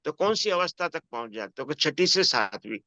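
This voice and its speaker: A man in a casual spiritual discussion, asking thoughtful questions in a halting way as he searches for words. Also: a little high, big pitch swings, pushed and bright, no room sound. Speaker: conversation partner asking questions.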